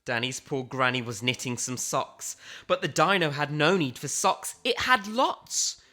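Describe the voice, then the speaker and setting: A storybook reader gives an animated read-aloud of a children's picture book, full of theatrical flair and suspenseful pauses. Her bright voice swoops widely in pitch and lingers on the dramatic words as soft music plays in the background.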